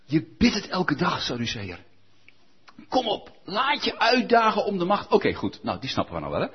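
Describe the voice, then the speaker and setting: A man gives a sermon in a lively, coaxing, conversational way. His voice is husky and sits high, and it swings widely in pitch. The recording sounds dull and lo-fi. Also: normal speed. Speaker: preacher.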